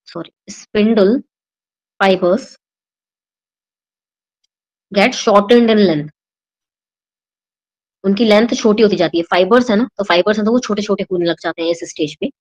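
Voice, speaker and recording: Step by step, a young Indian teacher explains biology for an exam-prep session, switching between Hindi and English and checking in with students after every point. The rough recording captures her medium-pitched, darkish voice at a normal speed.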